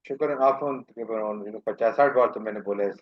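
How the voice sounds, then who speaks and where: A man answering as a student in an online class, hesitant and halting in his replies. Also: mid-range voice, muffled recording.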